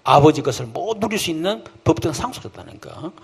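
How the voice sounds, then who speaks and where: Guy preaching at a church camp, high animated voice, kinda husky, keeps asking the crowd questions. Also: a little fast. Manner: lively, folksy preaching with rhetorical questions; acts out quoted voices of believers and children. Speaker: pastor. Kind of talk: sermon.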